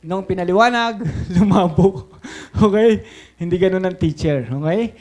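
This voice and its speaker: A Filipino male pastor delivers a lively sermon in a notably high voice. He tells stories with animation, slips between English and Tagalog mid-sentence and keeps asking his congregation "Okay?". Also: unhurried. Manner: animated storytelling preacher.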